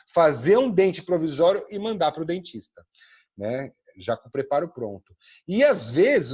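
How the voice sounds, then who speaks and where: A man's voice: on the high side, slightly rough. A man with a Brazilian Portuguese accent teaching an online dental prosthetics class, acting out talks with dentists and patients and ending his sentences with a questioning tag. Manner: animated, acts out dialogues with dentists and patients; tags sentences with frequent "né?". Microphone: computer mic on a video call. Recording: dull lo-fi video call audio.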